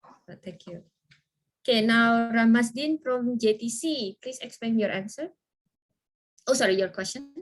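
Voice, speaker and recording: A woman leading an online training session and answering questions in a lively, encouraging way. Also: on the high side, measured pace, pauses often. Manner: lively, encouraging, asks listeners to confirm.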